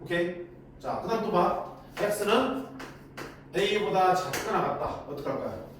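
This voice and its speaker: A man's voice: sits high, animated, slow. A man teaching a math lesson in a chatty way. He keeps asking students questions and then answers them himself. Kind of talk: lecture to students. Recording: echoey room, mic at a distance, faint noise.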